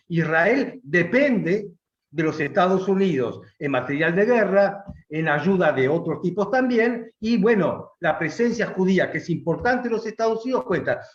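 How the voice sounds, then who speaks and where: A man speaking Argentine Spanish, giving a measured, reflective answer at a public talk, pausing and restating his phrases. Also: high-pitched. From Romania, raised in Argentina. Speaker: guest philosopher. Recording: echoey, dull lo-fi room sound.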